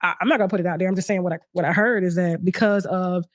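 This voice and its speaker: A woman's voice: fairly low pitch, fairly even intonation, no room sound, studio quality. A woman, interviewing a guest in a probing, teasing way. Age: 40s. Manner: probing, teasing, fast-talking. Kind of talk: interview chat.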